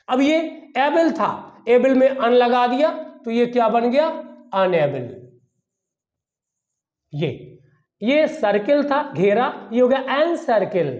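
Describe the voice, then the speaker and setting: High-voiced man teaching, echoey room. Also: big pitch swings, slow pace, long pauses, a little mellow, highs cut off. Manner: repetitive, asks and answers his own questions. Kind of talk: grammar lesson.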